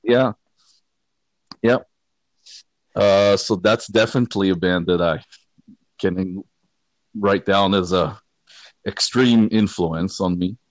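A man's voice: sits low, slow pace, long pauses, dry recording, rough recording. A man from Israel, a guitarist talking casually and with dry humor as an interview guest. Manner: relaxed, rambling, self-deprecating humor. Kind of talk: conversational interview.

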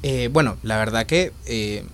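Low-voiced Venezuelan young man. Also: measured pace, a little hiss or hum. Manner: thoughtful, many fillers and restarts. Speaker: filmmaker and actor. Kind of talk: interview answers.

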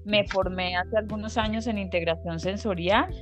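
A woman's voice: medium pitch, steady tone, moderate pace, faint music behind. A middle-aged Colombian woman with a Colombian accent, a professor speaking as a podcast guest, articulate with fillers. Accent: Colombian Spanish. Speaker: occupational therapy professor, guest. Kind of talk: podcast interview.

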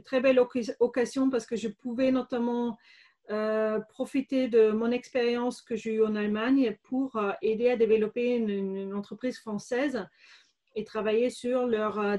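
German-accented woman, hesitant, mellow voice. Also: on the high side. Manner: hesitant, frequent fillers. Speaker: guest. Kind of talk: interview testimony.

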